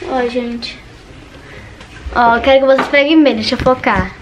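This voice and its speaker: Nervous high-voiced girl vlogging. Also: fairly even intonation, normal speed, far from the mic, over music. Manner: nervous, chatty, says "gente" constantly. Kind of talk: casual vlog chat. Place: bedroom at home. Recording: echoey room with background noise. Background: household noise.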